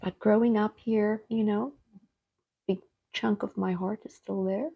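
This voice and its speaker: A woman's voice: mid-range voice, fairly even intonation, vocal fry, breathy edge, lo-fi sound. A middle-aged woman from Cape Town, chatting to viewers while painting on a live stream. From Cape Town, South Africa. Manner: chatty, speaks straight to viewers, unhurried. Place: home art studio.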